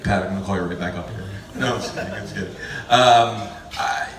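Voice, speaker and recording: Halting groom's wedding speech in an echoey room. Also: male voice, low voice, a bit bright, a little hiss or hum. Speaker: groom introducing his best men. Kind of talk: informal off-the-cuff wedding speech. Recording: echoey room, distant mic, crowd.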